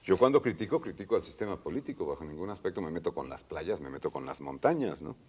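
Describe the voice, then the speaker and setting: Deep-voiced Mexican man, emphatic panelist. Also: lively intonation, fast talker, a little mellow, slightly rough. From Puebla, Mexico. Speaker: academic panelist. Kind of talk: panel discussion.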